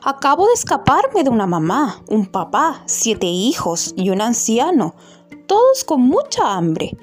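A woman voicing a frightened, indignant runaway pancake in a children's story, crying out her refusals in a high voice. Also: huge pitch swings, measured pace. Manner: high-pitched exclamations, insistent listing.

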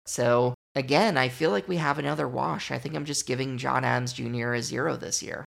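Wry, gravelly-voiced podcast host. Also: male voice, mid-range voice, fairly bright tone. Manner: wry, chatty, digressive. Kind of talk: casual history podcast commentary.

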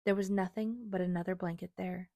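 Woman, confessional memoir narration, lowish pitch, dry recording. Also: fairly even intonation, brisk, warm tone, no echo. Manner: earnest, confessional. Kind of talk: reading a personal memoir aloud.

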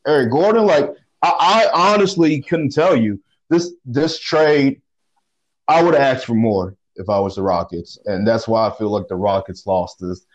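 A man co-hosting a sports podcast over a phone line, talking casually with halting restarts and slang. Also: mid-range voice. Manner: halting, repeats words, slangy. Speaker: podcast co-host.

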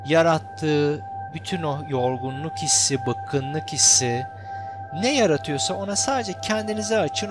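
A man speaking as a guided meditation instructor, explaining self-help ideas conversationally and addressing the listener directly with instructions. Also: a little high. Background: background music.

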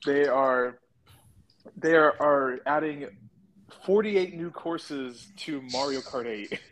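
A young man with a hoarse, worn-out voice, chatting excitedly on a podcast. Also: fairly high pitch, takes it slowly. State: hoarse, lost his voice. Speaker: podcast co-host. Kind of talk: casual chat.

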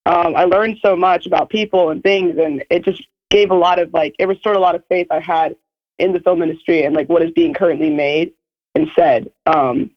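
A bubbly young woman in her early twenties talks in quick, chatty bursts, filling her sentences with "like." Her voice is a little hoarse. The audio sounds dull and lo-fi. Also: fairly low pitch, fairly even intonation. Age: early 20s. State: slightly hoarse from losing her voice. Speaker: guest filmmaker. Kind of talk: casual interview chat.

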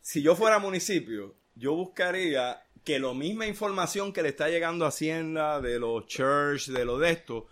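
A man's voice: a little high, expressive, normal speed, hardly any pauses, a bit bright. A man with a Puerto Rican accent in a casual political chat, speaking emphatically and mixing English words into his talk.

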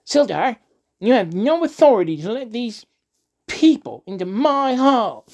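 A man voicing a fat, pompous, cowardly male townmaster who speaks in a shrill, indignant way. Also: very animated, a little slow, a little mellow, heavily acted.

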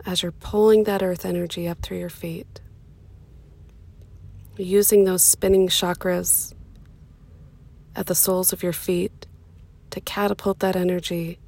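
In a lowish voice with a level tone, a woman takes listeners through a guided meditation, unhurried and soothing. She leaves pauses between brief phrases, and her soft voice grows breathy at moments.

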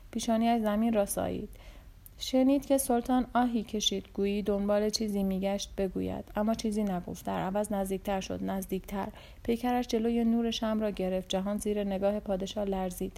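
A woman reading a historical novel aloud in a steady, calm storytelling manner. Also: mid-range voice, creaky. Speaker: audiobook narrator. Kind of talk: scripted narration.

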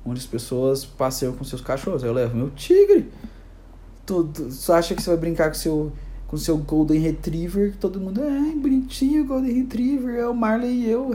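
A young man, improvising an animated, rambling comic monologue. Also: on the high side, slight background noise.

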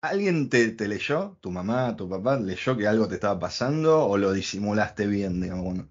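A man's voice: fairly low pitch, sing-song, normal speed, a little mellow, highs cut off. A man hosting an interview, asking curious questions and giving short replies. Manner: brief reactions and curious questions. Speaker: podcast host. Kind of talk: casual interview.

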